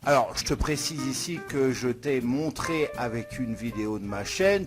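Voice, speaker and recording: A man hosting a step-by-step software tutorial, talking the viewer through each click in an informal, direct way. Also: medium pitch. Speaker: YouTube tutorial host. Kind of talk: screen-recorded software tutorial. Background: soft guitar music.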